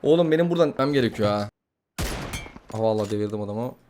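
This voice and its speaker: A man giving casual, excitable gameplay commentary, swearing, joking and trash-talking his opponents. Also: lowish voice, fast, a little hiss or hum. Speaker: gaming YouTuber.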